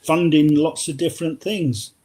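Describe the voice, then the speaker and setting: An older man talks as a guest on a football phone-in, rambling warmly through old stories and laughing often. His voice sits a little higher than most men's. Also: steady tone, normal speed. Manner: chatty, anecdotal, laughs often. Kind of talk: casual phone-in chat.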